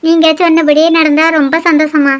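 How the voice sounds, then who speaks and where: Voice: high voice, flat delivery, a little fast, fairly bright tone. Someone voicing a jittery young village man. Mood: defensive. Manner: pleading, defensive.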